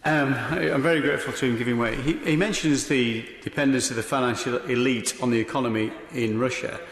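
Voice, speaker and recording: Male MP, mid-pitched, polite and hesitant parliament speech, strong echo of a large hall. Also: fairly even intonation. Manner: halting, polite. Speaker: member of parliament making an intervention. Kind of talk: formal parliament speech, putting a question. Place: large debating chamber. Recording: echoey hall, long reverb.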